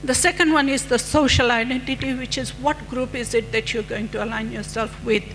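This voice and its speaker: Conference speaker: middle-aged woman, fairly high voice, measured lecturing delivery, reverberant hall with faint hum. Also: fairly even intonation, a bit bright, soft background music. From Fiji. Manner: measured, lecturing with rhetorical questions. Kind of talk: conference presentation.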